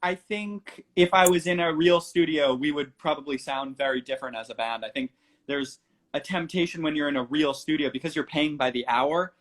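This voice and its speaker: A young man, a musician guest in a casual livestream interview, talking animatedly and acting out quotes as he goes. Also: a little high. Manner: animated, talks fast with restarts and acted-out quotes.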